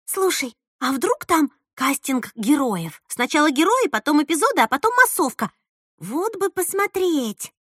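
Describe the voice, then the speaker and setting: A woman's voice: high-pitched, sing-song, unhurried, a bit bright, no room sound, studio quality, pitched above the performer's own voice, exaggerated voice. A woman voicing an impatient young actress, pleading and insistent. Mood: eager.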